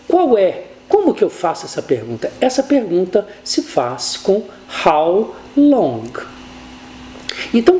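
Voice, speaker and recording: Lively-voiced woman teaching English grammar. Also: on the low side, reverberant. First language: Portuguese. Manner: explains slowly, asks checking questions; says English example sentences slowly and clearly. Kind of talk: grammar lesson. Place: room in her house.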